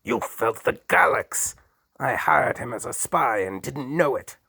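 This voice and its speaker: A man voicing a cruel, cold old duke villain who snarls, rasps and screams. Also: medium pitch, expressive, unhurried, bright, forceful tone, no echo, exaggerated voice. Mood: shrieking fury.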